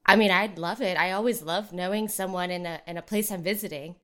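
A woman playing a gentle, upbeat yoga teacher, talking with warm enthusiasm. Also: on the low side, fairly quick, natural voice. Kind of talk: improvised comedy podcast.

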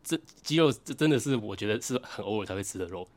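A man's voice: fairly low pitch, lively intonation, quick pace, dry recording. A young man from Taiwan with a Taiwanese Mandarin accent, chatting casually as a podcast co-host in a wry, jokey, complaining way. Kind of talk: casual chat.

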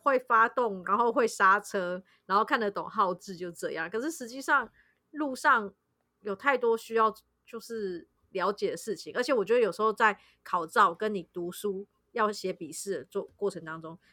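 Woman, Taiwanese accent, bright voice, dry close sound, informal plain-spoken chat. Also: mid-range voice, normal speed, no echo. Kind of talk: casual chat.

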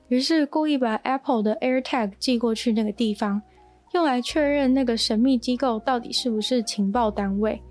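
A woman hosting a podcast, reading offbeat news stories in an even, conversational way with light asides. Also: a little high. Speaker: podcast host. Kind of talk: scripted news-roundup narration.

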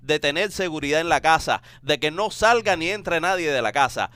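A man's voice: fairly high pitch, expressive, moderate pace, very noisy. A male host joking through sponsor plugs in casual banter, hesitant with many filler sounds and frequent laughs. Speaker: radio show host.

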